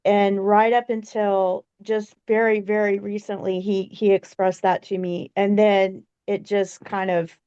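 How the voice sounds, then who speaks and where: An older woman speaks slowly on a video call, restarting her phrases as she searches for words. Her voice is smooth and clear. The call audio is dull and lo-fi. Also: mid-range voice, little pitch movement, dark tone. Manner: halting, restarts often. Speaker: grandmother. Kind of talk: casual conversation on a video call.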